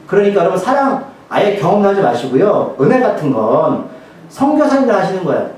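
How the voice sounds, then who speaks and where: Brisk, high and very lively, a male pastor's voice carries a casual, joking sermon full of rhetorical questions for his congregation. He sounds some distance from the mic, his words echoing through a very reverberant church hall.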